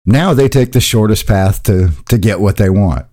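A man's voice: lowish voice, normal speed, warm tone. A man co-hosting a casual podcast chat, grumbling about everyday pet peeves with a chuckle. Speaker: podcast co-host. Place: Orlando area.

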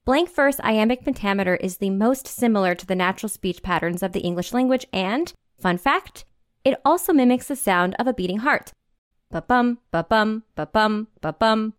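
Woman co-host, mid pitch, reads scripted lessons clearly on a dry close mic. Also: animated, brisk, dry recording. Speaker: podcast co-host. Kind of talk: scripted explainer narration.

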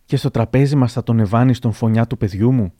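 Brief: sorrowful old mother, pleading, read by a man in a dark, mid-pitched voice. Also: no room sound, studio quality, close to an everyday voice. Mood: pained. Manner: pained, pleading. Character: grieving old mother of a hero.

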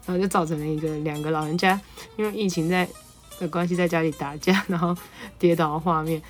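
A woman psychologist, telling a family story and reading a picture book aloud in a lively, laughing way. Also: fairly low pitch, fast, faint music behind. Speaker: psychologist podcast host.

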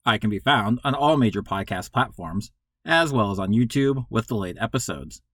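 A man hosting a true crime podcast, reading scripted narration in a measured manner. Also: lowish voice, lively intonation, fairly bright tone, no room sound, studio quality.

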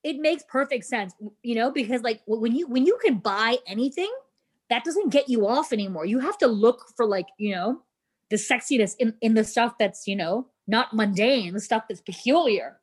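A woman's voice: fairly high pitch, lively intonation, moderate pace, slightly rough. A woman guest in a casual podcast chat, talking in a chatty, rambling way. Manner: chatty, rambling, laughs easily.

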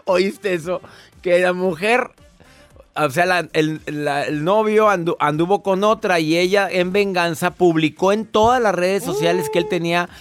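A man's voice: high voice, a little slow, smooth, no echo, faint music behind. A man hosting a radio show, chatting playfully with a caller and teasing her. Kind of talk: casual radio chat with a caller.

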